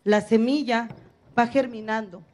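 A woman's voice: on the high side, fairly even intonation, measured pace, a little mellow. Woman giving a serious speech at a podium mic, short phrases stacked in lists, middle-aged. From Mexico. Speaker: activist speaker at a public apology event. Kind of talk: formal speech read from notes. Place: large bright hall, at a podium. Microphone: podium microphone on a stand, filmed from afar.

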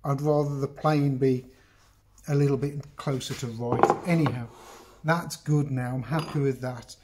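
A man's voice: medium pitch, steady tone, measured pace, very noisy. A middle-aged English man with a chatty, rambling manner, talking the viewer through woodworking in his workshop and filming on a phone. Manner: chatty, rambling, self-interrupting, talks to the viewer. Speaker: woodworking video host. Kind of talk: casual workshop demonstration. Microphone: phone camera on the bench, moved around.

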